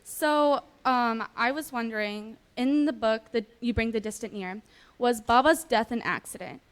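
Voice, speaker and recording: A woman's voice: a little high, unhurried. A young woman student asking an author a hesitant question from the audience.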